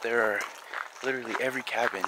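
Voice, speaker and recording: A man's voice: mid-range voice, steady tone, quick pace, very noisy. A young man with a lisp and slushy s sounds, chatting casually to camera as he vlogs outdoors. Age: young adult. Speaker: vlogger. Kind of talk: casual vlog chat. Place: outdoors on wooded trails and a campsite.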